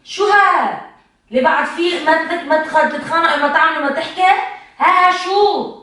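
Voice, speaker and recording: A woman's voice: high-pitched, a little fast, sharp tone. A woman confronting her husband, accusing and repeating her questions. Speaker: prank target, wife. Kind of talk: heated domestic argument. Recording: very echoey room, far from mic, faint noise.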